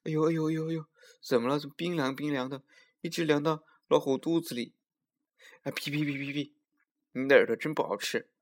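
A big, greedy tiger from a bedtime storybook, as a male storyteller puts him on. He blusters, gloats and groans, a bit higher and much louder than a plain speaking voice. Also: fairly even intonation, quick pace, hardly any pauses, close to an everyday voice. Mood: groaning.

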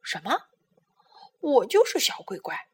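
A woman's voice: sits high, drawn-out words, fairly bright tone, exaggerated voice. A woman voicing a timid, furry little monster boy with fangs in a bedtime storybook, speaking shyly and hesitantly with stammers. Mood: surprised.

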